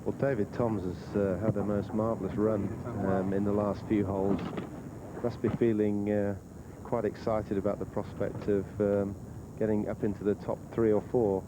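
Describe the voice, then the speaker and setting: A man giving live golf commentary in a thoughtful, halting manner, with frequent hesitations. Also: on the low side, level tone. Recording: clear outdoor background noise. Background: outdoor golf course ambience.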